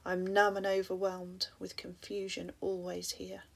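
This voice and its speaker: A woman reading rhyming spoken-word poetry aloud in a soft voice that often drops to a breathy half-whisper, at times turning to ask the listener reflective questions. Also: mid-range voice, completely flat delivery, unhurried, noisy background.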